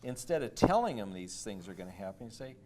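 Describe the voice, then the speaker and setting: A man's voice: on the low side, sing-song, fast, mellow. A man co-hosting a radio talk show, explaining earnestly and acting out client conversations as he goes. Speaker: co-host.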